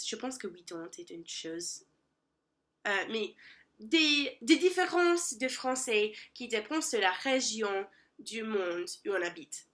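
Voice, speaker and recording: A young adult American woman, a native English speaker, vlogs casually in a language she's learning, sounding hesitant and full of fillers and self-corrections. She laughs at her own slips. Her mid-range voice has a sharp tone.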